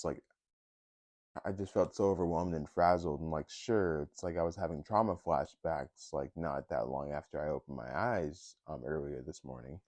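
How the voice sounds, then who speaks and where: A man's voice: very deep voice, darkish tone, no echo. A young man talking in a casual personal vlog, hesitant, with many fillers and restarts. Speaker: vlogger.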